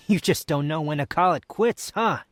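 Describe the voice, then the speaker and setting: A man playing an aloof, proud, sardonic young wanderer in an intimate roleplay audio drama, speaking in haughty, formal, halting phrases. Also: fairly high pitch, no echo, lightly acted. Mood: scoffing, defensive. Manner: haughty, formal wording, halting, sighs and scoffs.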